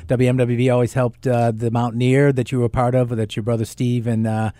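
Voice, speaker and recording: A man's voice: mid-range voice, flat delivery, brisk, warm tone, dry recording. Male morning radio host, friendly easy chat, dry close studio sound. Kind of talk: casual on-air chat.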